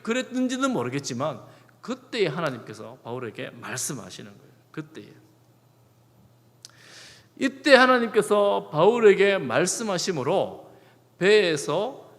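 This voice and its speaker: A middle-aged man preaching to his congregation, his fairly high voice swinging up and down with lively expression. He acts out the quoted prayers in shifting tones, and the sound carries a long church reverb. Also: unhurried. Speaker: pastor. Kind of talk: sermon. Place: church sanctuary.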